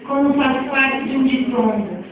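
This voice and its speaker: This is a high-pitched, unhurried woman with a Brazilian accent giving a classroom talk on spelling reform. She's chatty and frequently questions her audience. The recording has an echoey, phone-like quality, with the mic far away.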